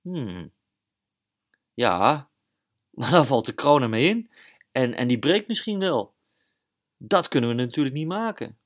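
A man's voice: medium pitch, sing-song, measured pace, long pauses. A man playing a nervous male lookout guard in a children's story, stammering and hesitant. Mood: earnest.

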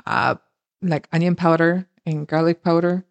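A woman co-hosting a casual chat podcast from Germany, chatty and quick to laugh. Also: low voice, vocal fry, no echo. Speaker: podcast co-host.

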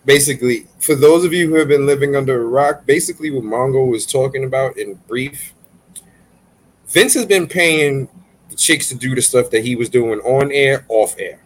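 A man's voice: medium pitch, normal speed, a little hiss or hum, poor audio. A man from Brooklyn hosting a casual podcast, talking in a hyped, swearing, teasing way. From Brooklyn, New York. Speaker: podcast host. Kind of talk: casual wrestling podcast banter.

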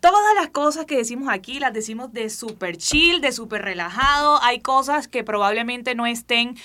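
A woman's voice: on the high side, expressive, normal speed, sharp tone. A woman from Colombia with a Caribbean coast accent, co-hosting a casual podcast chat in a playful, chatty way. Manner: playful, chatty, acts out quoted voices. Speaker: podcast co-host.

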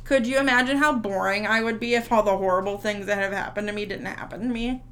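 A woman's voice: medium pitch, steady tone, quick pace, fairly bright tone, slight background noise. A woman in her thirties co-hosting a casual podcast chat, blunt and dry, swearing freely. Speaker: podcast co-host.

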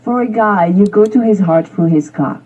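A woman coach answering as an interview guest, speaking frankly and explicitly as she calmly explains her advice over a remote call. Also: mid-range voice, moderate pace, husky. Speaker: sex and relationship coach, guest. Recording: distant, muffled call audio.

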